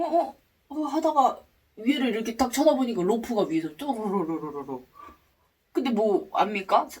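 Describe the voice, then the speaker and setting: A woman vlogger with a husky voice tells a story casually and expressively. Her pitch moves around a lot as she acts out reactions. She sounds a little way off from the microphone. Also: distant mic. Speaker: mukbang vlogger telling a personal story. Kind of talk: casual animated storytelling to viewers.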